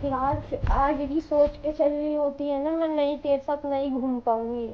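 A woman's voice: high-pitched, fairly even intonation, normal speed, slight background noise. A young woman in a prank video, talking hesitantly and trailing off as she reasons. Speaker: girlfriend in prank. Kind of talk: casual conversation. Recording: dull audio with faint background music.

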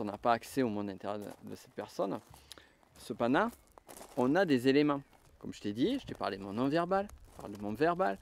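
Direct your voice as a man with a southwestern French accent, explaining slowly to one listener, pausing and restarting mid-thought as he searches for words, at an easy, mid-range pitch. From southwest France. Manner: thinks aloud with frequent restarts and hesitations. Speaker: enneagram coach and trainer. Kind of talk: reflective teaching monologue.

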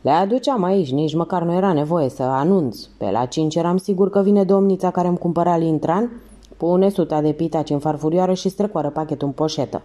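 A woman voicing a sly, hoarse old male newspaper seller who grumbles and talks on. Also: lowish voice, warm tone, lightly acted. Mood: grumbling.

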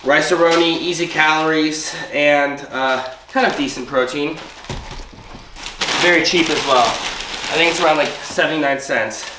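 This vlogger is a young man with a stuffy, sick-sounding voice that sits on the high side and runs a little slow. Chatty and cheerful, he walks through his grocery haul item by item. It's captured in a noisy home setting with a roomy, far-off sound.

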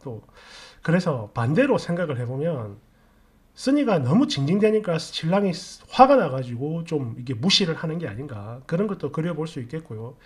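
A middle-aged man hosting a story channel, commenting casually on a reader's story and thinking aloud with many pauses. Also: a little high, slightly rough.

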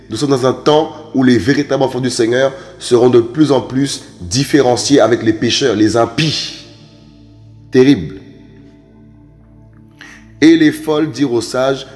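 Male preacher, fervent sermon delivery, stammers and repeats, sudden high outbursts, soft music under him. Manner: emphatic, repetitive, frequent stammered restarts; rises to sharp high exclamations.

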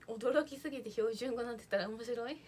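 A woman's voice: a little high, a little fast, a little mellow, slightly rough. A young woman chatting casually on a livestream, reading out viewer comments and thanking them as she goes. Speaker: idol livestreamer.

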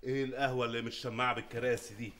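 A man's voice: mid-range voice, little pitch movement, racing, loud music behind the voice, close to an everyday voice. A man playing a brash, mocking café boss. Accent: Egyptian Arabic. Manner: mocking, bossy and blustering. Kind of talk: sitcom acting. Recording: studio laugh track.

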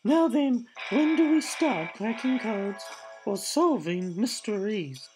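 A woman voices an overeager Swedish secretary, a brawny man with a moustache, faking a Swedish accent and phrasing things earnestly and formally. She speaks slowly in an animated voice on the high side. The low-quality recording has music running underneath.

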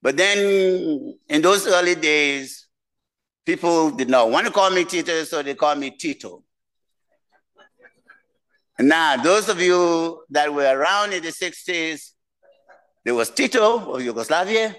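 An older man, who grew up outside the United States, gives a keynote speech from a podium in a lecture hall, telling a personal story slowly with pauses. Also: on the high side, expressive, a bit bright. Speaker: keynote speaker.

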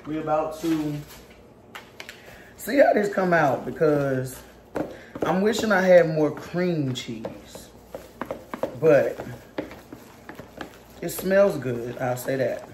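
Her arm tired from mixing, a young woman hosts a relaxed home cooking vlog, teasing and chatting straight to the camera. Her low-pitched voice has lively intonation, and she takes things slowly, pausing often. Background noise and echo come from the home kitchen.

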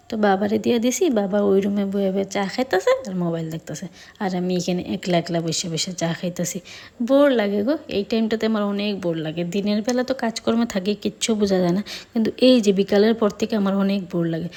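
A middle-aged woman chatting casually to her viewers in a home vlog, talking in a relaxed colloquial way and recorded on a phone camera. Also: mid-range voice, fast, gravelly. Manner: chatty, talks straight to viewers in colloquial dialect. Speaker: vlogger.

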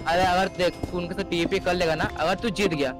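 A man chatting in over voice chat while playing a game with friends, giving quick, urgent instructions. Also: high voice, steady tone, music in the background. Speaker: gaming YouTuber playing with friends. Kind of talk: casual gaming voice chat.

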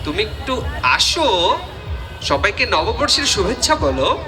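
A man hosting a children's puppet show, presenting in an animated, playful and coaxing way. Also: sits high, a little slow, music in the background.

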